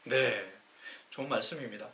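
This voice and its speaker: Speaking at a normal pace with a medium-pitched, bright, forceful voice, a man explains classical poetry on a live stream. The host, a city councilor with a sore throat, asks rhetorical questions and answers them himself, emphatically stretching important words.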